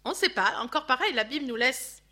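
A woman with a bright, clear voice that sits a little high leads a Bible study. She tells the story with lively energy and drops chatty asides to her listeners as she goes. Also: fast talker. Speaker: Bible teacher.

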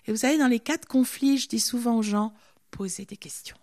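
A woman's voice: a little high, quick pace, a little mellow. Chatty woman teaching the Bible. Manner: reads scripture then comments chattily, voices the characters' lines.

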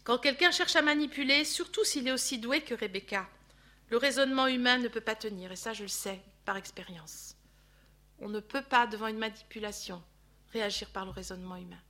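Woman doing bible study, kinda high bright voice, lively storyteller w/ chatty little asides. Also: fairly quick. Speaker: Bible teacher.

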